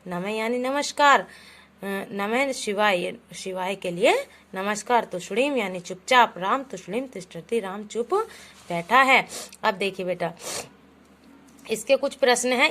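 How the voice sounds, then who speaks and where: The speaker is a woman whose mid-range voice has a fairly bright tone, giving children a classroom lesson on Sanskrit words explained in Hindi. Patiently, she reads out each example, translates it, and calls her pupils "beta."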